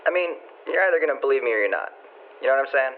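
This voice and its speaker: A man's voice: medium pitch, animated, rapid-fire, slight background noise. Guy playing a defensive young inmate on a prison phone, dull muffled line, kinda hesitant. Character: young male inmate claiming innocence. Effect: on a prison phone call.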